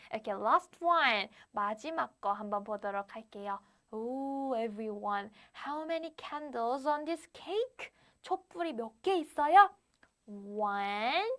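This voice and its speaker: A young adult woman teaches an online English class for small children. She talks in a high, bright register and stretches every English phrase out very slowly, in a sing-song way. She counts aloud and switches to Korean to explain. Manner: counts aloud with rising emphasis.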